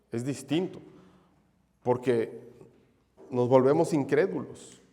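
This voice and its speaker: A man's voice: medium pitch, darkish tone, big-room sound. A male pastor preaching a sermon. He calls his listeners brothers and repeats his key phrases. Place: church sanctuary.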